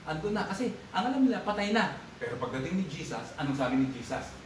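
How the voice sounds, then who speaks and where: A man preaching a sermon as pastor, mixing Tagalog with English, swinging between loud emphatic bursts and low asides. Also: big pitch swings, quick pace, a little hiss or hum. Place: church hall. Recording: echoey church livestream, distant mic.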